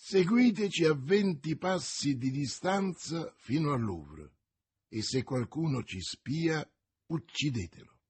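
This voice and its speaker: A calm foreign nobleman gives orders with cool authority, as a male narrator puts him on. His voice is husky. It sounds like a storybook reading. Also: on the high side, slow pace, no room sound, heavily acted. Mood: commanding.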